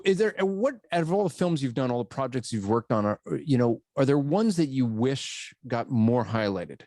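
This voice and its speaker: A man's voice: medium pitch, animated, moderate pace, darkish tone, dry recording, clean studio sound. A man co-hosting a podcast, chatting casually with a guest and laughing easily. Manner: conversational, laughs easily, hesitant restarts. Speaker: podcast co-host. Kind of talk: casual interview chat.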